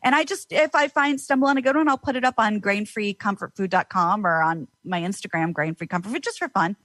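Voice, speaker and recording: Animated, chatty woman guest, dry sound. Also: mid-range voice, brisk, no echo. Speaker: voice actor guest. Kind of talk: casual podcast interview.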